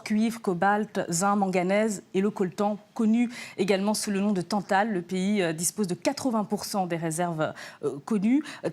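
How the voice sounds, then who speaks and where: A woman hosting a studio interview, speaking in a measured way with frequent hesitations. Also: medium pitch, a little mellow. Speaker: interviewer host.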